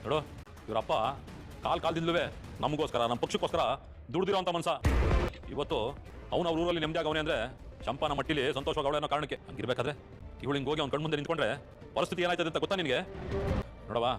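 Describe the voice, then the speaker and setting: A middle-aged actor in a TV serial playing an authoritative village politician and family head, firm and commanding. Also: male voice, a little high, racing, pauses often, natural voice. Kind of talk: TV serial acting. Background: background music score.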